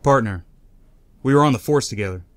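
In a comic book dub, a man voices a chatty, casual tough guy: a weary, talkative police officer who also plays a glib crook. His medium-pitched delivery is brisk and lightly acted, with a subdued, easygoing mood.

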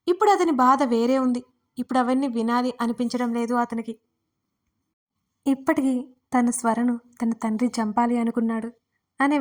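A woman narrating a romantic audio story in an expressive, emotional way. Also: fairly high pitch.

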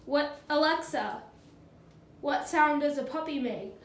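A woman with a high voice gives deliberate voice commands in a casual home video. She speaks slowly and pauses after calling the device. The room adds some echo. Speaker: pet owner questioning a smart speaker. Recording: roomy echo, faint background noise.

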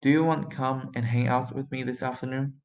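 A friendly young policewoman speaks in a lifted, eager voice, voiced by a teenage boy. She sounds bright and earnest, like a character in a storybook read-aloud. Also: medium pitch, steady tone, fairly quick, vocal fry, highs cut off, natural voice. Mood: cheerful.

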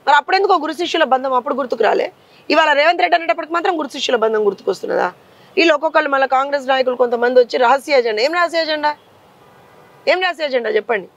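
A woman party leader with a Telangana accent, speaking in a combative interview and firing off rhetorical questions. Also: high voice. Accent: Telangana Telugu. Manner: fiery, rapid rhetorical questions.

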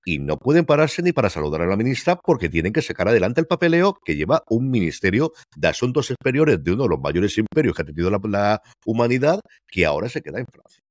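A Spanish man co-hosts a relaxed TV series review over a video call from a room at home, using a headset and desk mic. His voice sits fairly low, swings widely in pitch and moves fast as he argues emphatically and throws out rhetorical questions. The recording is dry and studio-clean.

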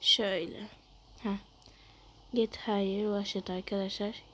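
A woman giving casual commentary on a game, chatting to her viewers and often dropping into a low murmur. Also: little pitch movement, a little slow, a bit bright. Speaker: gaming youtuber.

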